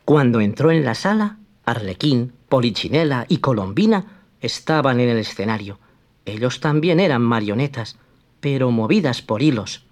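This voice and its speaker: Storybook narrator, expressive, lively intonation, steady storytelling cadence. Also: mid-range voice, moderate pace. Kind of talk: storybook reading.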